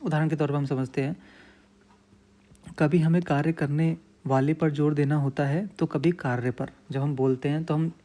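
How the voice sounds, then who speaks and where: Male tutor, grammar lesson; mellow, relaxed timbre, patient and repetitive, checks in often with listeners. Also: a little high. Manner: frequent check-in phrases. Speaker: teacher.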